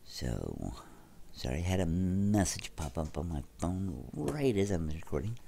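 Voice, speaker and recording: Chatting with his viewers as he plays, this young let's play host has a low, gravelly, mellow voice with big swings in pitch. He takes his time, sounds congested and stuffy, and a little hiss or hum sits under the recording.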